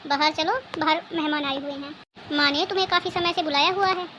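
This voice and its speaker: A woman voicing a caring young husband in a cartoon, speaking calmly and reassuringly. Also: high-pitched, a little fast, dull audio, noisy background, close to an everyday voice. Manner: reassuring, calm. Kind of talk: cartoon dubbing.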